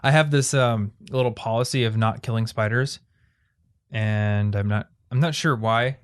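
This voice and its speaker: A man's voice: lowish voice, moderate pace, smooth. A man in his twenties hosting a podcast, telling a story in a loose, chatty way. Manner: chatty, storytelling, trailing off into asides. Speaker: podcast host. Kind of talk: casual chat.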